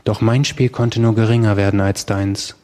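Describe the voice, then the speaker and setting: A man voicing a male actor who speaks calmly and seriously in a story read aloud. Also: lowish voice, moderate pace, natural voice. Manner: calm, serious. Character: calm, theatrical male actor.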